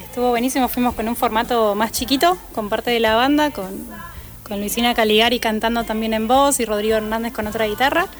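An Argentine woman, a singer-songwriter, singing live with guitar and then chatting softly and quickly in an interview. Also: fairly high pitch, steady tone. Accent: Argentine Spanish.

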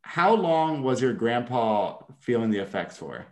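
A man's voice: mid-range voice, sing-song, unhurried, darkish tone. Male podcast host, casual interviewer, brief prompting questions.

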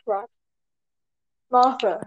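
A woman's voice: on the high side, very slow, dull audio. A woman guest on a casual podcast, self-deprecating and giggly. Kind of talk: casual chat.

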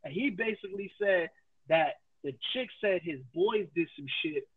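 Thin phone-like man's voice, high pitched. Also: expressive, normal speed, husky, no room sound. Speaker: podcast co-host. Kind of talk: casual chat. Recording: dry, phone-like thin sound.

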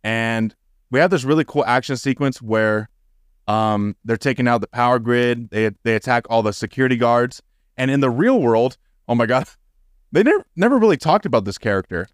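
A man co-hosting a chatty podcast who swears constantly and works himself into high, exasperated rants. His voice sits in a middle register and is recorded dry and close, with no room sound. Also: animated, moderate pace, clear, resonant tone, no room sound. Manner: profane, ranting, gets loud and high when exasperated. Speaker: podcast co-host. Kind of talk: casual podcast chat.

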